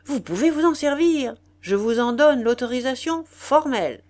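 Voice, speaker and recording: A woman reading aloud and voicing a boastful, smooth-talking aristocratic marquis with emphatic bluster. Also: very high-pitched, animated, moderate pace, voice pushed up. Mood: indignant.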